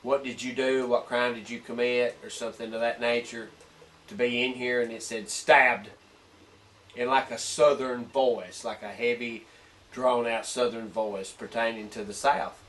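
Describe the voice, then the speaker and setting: A man, a paranormal investigator, gives excited ghost-hunt commentary and puts questions aloud inside an old building at night. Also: mid-range voice, normal speed. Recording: distant echoey room with faint hiss.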